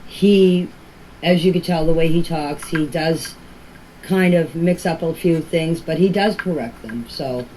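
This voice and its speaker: Sending casual personal voice messages to a group chat from her phone, an older woman speaks in a deep, mellow, unhurried voice. She rambles plainly and tends to repeat herself, and the amateur recording is noisy.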